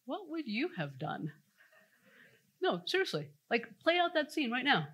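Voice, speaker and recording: A woman giving an energetic conference talk, telling stories and speaking straight to the audience. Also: sits high, a little slow, breathy edge. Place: conference stage before an audience.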